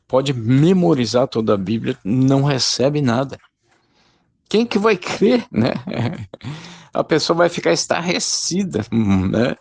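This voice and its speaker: A man's voice: medium pitch, animated, takes it slowly, creaky, darkish tone, no room sound. A man giving a rambling, informal spoken sermon and calling his listeners brothers. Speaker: lay preacher.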